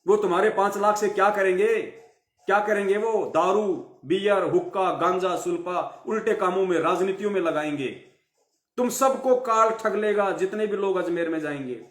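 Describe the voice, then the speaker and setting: Speaking at a moderate pace, a male devotional speaker with a slight tinge preaches fiercely to a live crowd, scolding them, posing rhetorical questions and hammering repeated phrases. His pitch is high for a man; the room gives an echoey sound.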